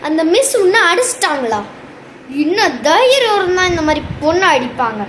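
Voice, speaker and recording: A woman's voice: extremely high pitch, very animated, normal speed, a bit bright, full character voice. A woman playing a proud, angry mother who confronts a teacher indignantly. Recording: echoey room, faint background noise.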